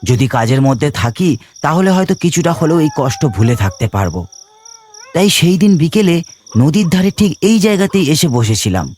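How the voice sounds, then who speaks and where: A man's voice: fairly high pitch, very animated, normal speed, darkish tone. A young man narrating his story and voicing its lead in a cartoon, earnest and hurt.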